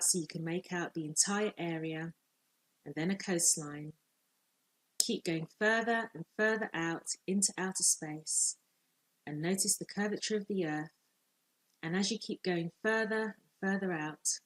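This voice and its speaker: A woman life coach leading a guided visualisation, speaking in slow, soothing, measured instructions with long pauses. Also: on the low side, rough recording.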